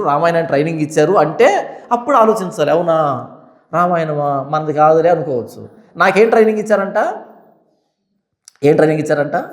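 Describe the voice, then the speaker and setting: A man preaching in a Bible study, firing off scolding rhetorical questions with fiery conviction. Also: sits high. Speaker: pastor. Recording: echoey room.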